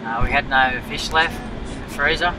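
A man's voice: mid-range voice, normal speed, distant mic, very noisy. A man, casually narrating a fishing trip in a laid-back way. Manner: laid-back, swears freely.

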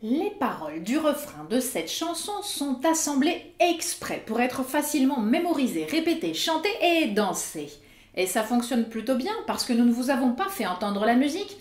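Woman, higher voice, animated lively pitch, scripted lesson narration, echoey room. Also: moderate pace. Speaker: educational video host.

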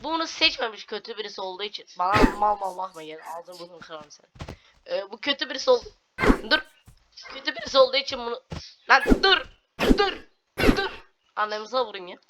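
A woman's voice: fairly high pitch, background noise. A woman hosting a let's play, grumbling and complaining in a casual, exasperated way while she plays. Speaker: gaming video host. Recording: loud background game music.

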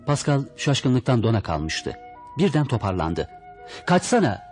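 A man's voice: fairly low pitch, sing-song, moderate pace, darkish tone, soft background music. A man reading a children's story aloud, expressively voicing the characters' lines. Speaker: audiobook reader. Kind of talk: storybook narration.

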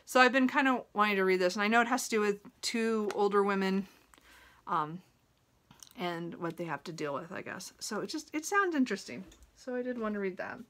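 A woman in her thirties, her mid-range voice expressive, a little fast and a bit bright, talks casually to camera from a small room at home. As a book vlogger going over a reading list, she rambles, often cuts herself off, and chuckles as she goes.

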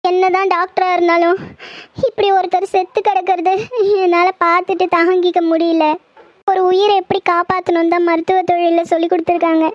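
A woman's voice: very high-pitched, no echo. A woman voicing a grief-stricken young woman doctor, tearful and shaken, in a horror audio drama. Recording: dull lo-fi, dry.

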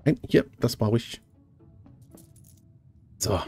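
A man's voice: slow, warm tone, soft background music. A man giving casual commentary while playing a game, chatty and urging himself on. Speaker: let's play host.

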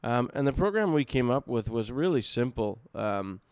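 A man's voice: mid-range voice, very animated, moderate pace, darkish tone, smooth, no room sound. A man presenting a marketing webinar in a conversational, loose way, with many ums and restarts. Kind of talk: unscripted webinar talk.

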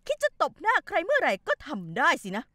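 A woman's voice: extremely high pitch, huge pitch swings, fast talker, a bit bright, dry recording, studio quality, heavily acted. A woman voicing a stern middle-aged mother who scolds haughtily in a dubbed TV drama. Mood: scolding.

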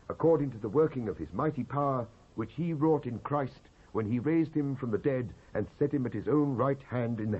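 A British man gives a solemn, declamatory dramatised reading from the Bible. His medium-pitched voice has a breathy edge. The sound is muffled, transferred from an old cassette.

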